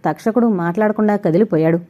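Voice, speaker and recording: A woman narrating a suspense novel as an audiobook reader, in a steady storytelling manner. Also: medium pitch, fast. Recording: dull lo-fi recording.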